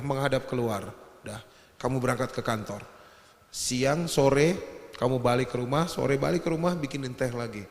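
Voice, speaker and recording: Lively male speaker in an echoey hall. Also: mid-range voice. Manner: lively storytelling with acted quotes and laughter. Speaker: guest speaker. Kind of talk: casual talk to a gathering.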